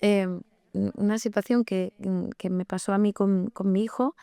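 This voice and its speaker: A woman co-hosting a podcast, talking in an earnest, measured way and explaining with everyday examples. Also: medium pitch, steady tone, gravelly, dark tone, clean tone, no echo. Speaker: podcast co-host. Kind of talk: reflective podcast conversation.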